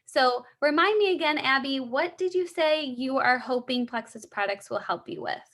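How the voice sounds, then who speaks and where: A woman's voice: sits high, moderate pace, a bit bright. A young woman in a three-way phone call sales role-play, explaining and encouraging in an upbeat, conversational way. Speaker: supplement sales consultant.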